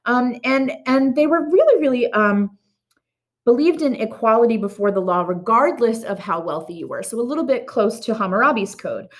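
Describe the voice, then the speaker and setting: A woman's voice: on the high side, lively intonation, moderate pace. Casual woman teacher full of ums. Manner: casual, many ums and restarts. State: has the hiccups. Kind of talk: recorded art history lecture.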